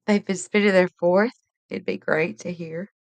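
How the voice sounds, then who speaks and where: A woman's voice: on the low side, steady tone, moderate pace, dry recording. A woman hosting a casual live stream, chatting in a rambling way and laughing often. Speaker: livestream host.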